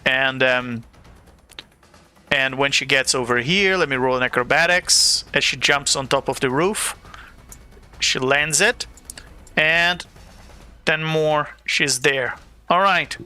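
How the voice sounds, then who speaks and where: Bright-voiced man running a tabletop game. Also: medium pitch, slow pace, long pauses, smooth. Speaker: game master.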